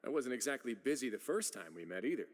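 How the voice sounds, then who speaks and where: A man playing a composed, dryly polite official who speaks in a measured, formal way. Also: mid-range voice, very animated, slight background noise, natural voice.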